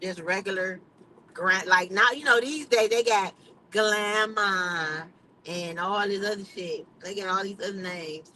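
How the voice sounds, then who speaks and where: A woman's voice: medium pitch, a little slow, sharp tone, a little hiss or hum, low-quality recording. A middle-aged woman chatting casually on a livestream, blunt and emphatic, swearing freely. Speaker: vlogger.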